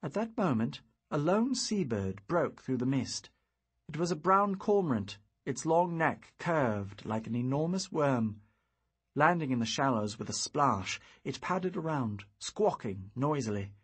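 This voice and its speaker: A man reading a fantasy audiobook in the first person, with measured, reflective storytelling. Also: mid-range voice, big pitch swings, breathy edge. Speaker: audiobook narrator.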